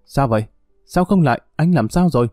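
Brief: man doing a terrified young woman captive, tearful and begging, pitched up, dark dry tone. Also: animated, quick pace, dry recording, faint music behind, lightly acted. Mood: pleading. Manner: tearful and pleading. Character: young woman, frightened, pleading, sold captive.

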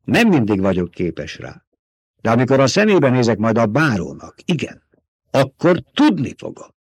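A man's voice: medium pitch, big pitch swings, darkish tone, breathy edge, dry recording. A man reading an audiobook, voicing an old male doctor turned traitor, feverishly obsessed with revenge, who speaks in an intimate, coaxing way. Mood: intense, confiding.

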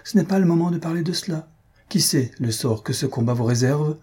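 A man voicing a tender, anxious young woman in an audiobook reading, raising his voice higher and speaking earnestly. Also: animated, brisk, dark tone, breathy edge.

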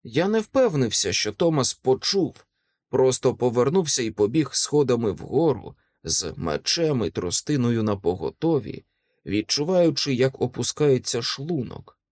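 A man reading a fantasy audiobook aloud in dramatic first-person narration, telling the action vividly and slowing for the tense beats. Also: medium pitch, big pitch swings, darkish tone, no room sound.

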